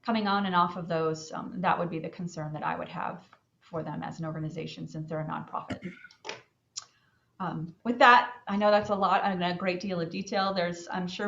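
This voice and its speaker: A woman city manager speaking in a measured, formal way at a public meeting, with occasional fillers. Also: fairly low pitch, gravelly. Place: city council chamber. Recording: echoey chamber, dull audio.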